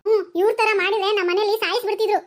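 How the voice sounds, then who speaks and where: Brief: hot-headed cartoon mom played by a woman, high, fast, defensive. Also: steady tone. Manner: sharp, defensive scolding. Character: hot-tempered scolding cartoon mother.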